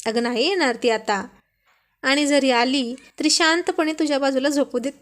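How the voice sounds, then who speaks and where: A woman voicing a playful young husband who calmly teases his wife in a light, joking tone. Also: high-pitched, normal speed, lightly acted. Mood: soothing. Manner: light teasing tone.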